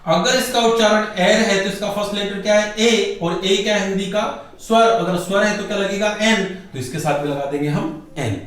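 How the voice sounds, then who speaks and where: A middle-aged man teaching English grammar in a lecture style, who keeps asking rhetorical questions, answers them himself, and drags out key words slowly for emphasis. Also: high voice, a bit bright. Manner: often calls the viewer "bhai". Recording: very echoey room, voice far from mic.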